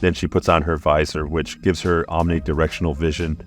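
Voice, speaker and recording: Young man, very low voice, dry jokey commentary, faint music underneath. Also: flat delivery, a little fast. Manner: dry joking delivery. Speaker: YouTube host. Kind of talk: comedic commentary vlog.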